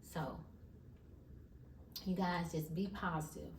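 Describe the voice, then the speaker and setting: A woman tells her story straight to her viewers, emphatic and calling them y'all. Her voice sits a bit low. She is heard from a distance in a roomy, echoing space with faint ambient noise. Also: steady tone, slow pace. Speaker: vlogger. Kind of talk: casual testimony vlog. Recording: echoey room, voice from far off.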